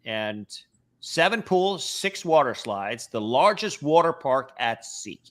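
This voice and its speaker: Norwegian accent, male host, animated pitch, bright forceful tone, halting with fillers. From Norway. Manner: animated, hesitant with many fillers. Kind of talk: casual webcast chat.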